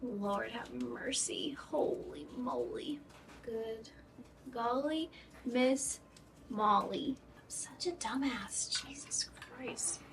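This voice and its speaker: This woman's voice is on the high side, and she speaks extremely slowly. In a casual vlog from her home workshop, she chats and talks to herself while working, sometimes whispering, and the distant camera mic picks up faint room noise.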